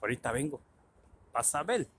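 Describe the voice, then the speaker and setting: A man voicing his mischievous boyhood friend, a scheming kid who talks in a hushed voice. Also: mid-range voice, very animated, normal speed, breathy edge. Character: mischievous boy, narrator's childhood partner in pranks.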